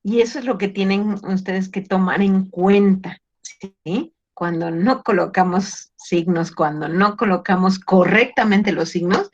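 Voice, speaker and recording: A woman teacher reviewing an exam with her class over a video call, patient and gently teasing as she questions students. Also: mid-range voice, muffled recording.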